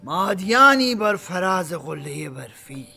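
A woman voicing a gruff mountain leader man. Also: fairly low pitch, big pitch swings, soft background music, full character voice. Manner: blunt, bossy, later gentle.

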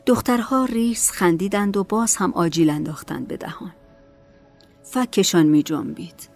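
Casting: calm female storyteller, lowish voice, faint music underneath. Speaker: narrator. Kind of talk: storybook narration.

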